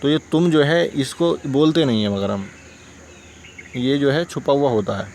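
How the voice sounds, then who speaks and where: A man's voice: medium pitch, normal speed, a little mellow, a little hiss or hum. Patient male English teacher, Hindustani accent. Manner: patient, repeats examples, asks checking questions. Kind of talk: explaining grammar lesson.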